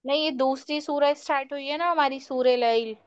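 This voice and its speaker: A woman's voice: high-pitched, fairly even intonation, normal speed, muffled recording. A woman teaching Quran recitation in an online class, patiently correcting her students step by step.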